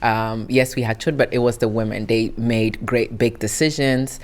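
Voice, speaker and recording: A woman's voice: extremely low pitch, fairly even intonation, normal speed. A woman from Italy, giving reflective, encouraging interview answers in an earnest way. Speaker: interview guest, founder.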